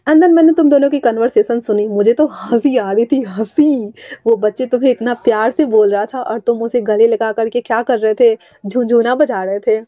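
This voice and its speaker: A woman's voice: on the high side, normal speed, dry recording, lightly acted. Woman reading a teasing, bossy older uncle for a storybook, dry and lo-fi. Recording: dull lo-fi dry recording.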